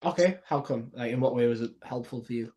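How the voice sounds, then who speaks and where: A man from the United Kingdom, a sales closer, looks back at a past call in a loose, slangy chat about sales technique, often saying "like" and "mate." He has a mid-range, warm voice with a breathy edge and a quick pace.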